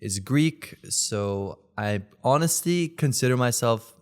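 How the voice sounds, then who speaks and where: A man's voice: mid-range voice, expressive, takes it slowly, clear, resonant tone. A man in his twenties from Belgium, chatting casually as an interview guest and leaning on "like" as a filler. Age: 20s. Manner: rambling, heavy use of "like" fillers. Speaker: guest, content creator.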